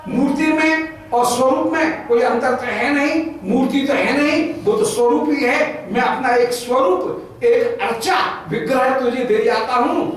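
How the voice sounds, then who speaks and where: A man's voice: very high voice, unhurried. Man, scripture discourse, explains Sanskrit verses, distant mic, faint background hiss. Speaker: religious discourse speaker. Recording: very echoey hall, mic far off.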